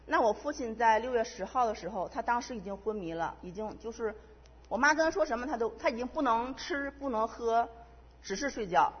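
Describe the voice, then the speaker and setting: Middle-aged woman, church testimony, husky fast delivery, dull lo-fi mic in a reverberant hall. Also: on the high side. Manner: emotional, quick storytelling with repetitions. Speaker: church member giving testimony. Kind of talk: personal faith testimony.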